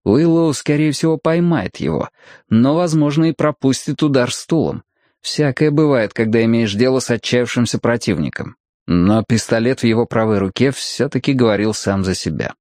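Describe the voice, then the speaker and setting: A man of middle pitch narrates an audiobook in a steady, even storytelling manner. The recording is close and dry, with no room echo. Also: normal speed. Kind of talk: scripted narration.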